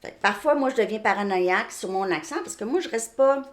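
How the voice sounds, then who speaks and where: Fast and expressive in a medium-pitched voice, a Québécois-accented woman gives a chatty tarot reading from home outside the Montreal suburbs. She restarts sentences often and regularly checks in with "ok?"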